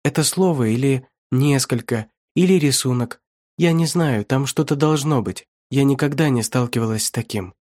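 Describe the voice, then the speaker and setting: A man's voice: medium pitch, darkish tone, no room sound, clean studio sound, lightly acted. A man voicing a frightened young woman who stammers through tears in an audiobook. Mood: tearful. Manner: halting, tearful, stammering. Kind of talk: audiobook reading.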